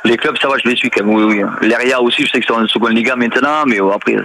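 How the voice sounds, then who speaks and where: A man's voice: medium pitch, quick pace, bright, forceful tone, slight background noise, poor audio. A middle-aged man with a southern French accent, a former footballer chatting as a radio guest in a rambling, good-natured way. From south of France. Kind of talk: casual radio interview.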